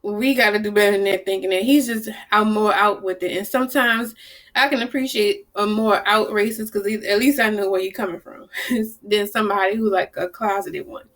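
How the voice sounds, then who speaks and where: A woman talking casually to camera, telling stories in a lively, blunt way and acting out the people she quotes. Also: medium pitch, a little fast. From New Orleans, US South. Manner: animated storyteller, acts out quoted people, blunt and salty. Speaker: vlogger.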